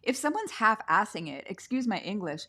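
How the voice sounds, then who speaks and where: A woman's voice: mid-range voice, sing-song, normal speed, bright, forceful tone. A woman hosting an interview over a video call, talking in an effusive, gushing way, often saying "like" and laughing. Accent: Canadian. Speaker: podcast host. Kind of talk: warm conversational interview. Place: sitting on the floor at home.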